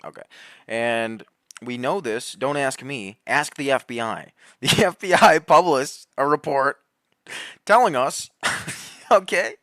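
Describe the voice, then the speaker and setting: A man's voice: medium pitch, slow, no echo, clean studio sound. Laughing, heated male commentator. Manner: laughs often, restarts, swings loud and soft. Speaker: commentary host. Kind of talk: animated conspiracy commentary.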